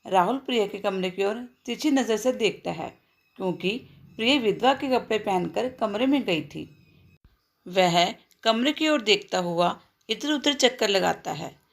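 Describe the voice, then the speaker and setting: A woman narrating a scripted family story in a plain, steady reading voice. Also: medium pitch, unhurried, vocal fry.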